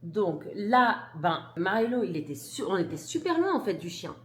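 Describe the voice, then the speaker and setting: A woman's voice: medium pitch, sing-song, normal speed, fairly bright tone, a little hiss or hum. A mother vlogging to camera, telling a story emphatically and indignantly, with restarts and blunt words. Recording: roomy echo.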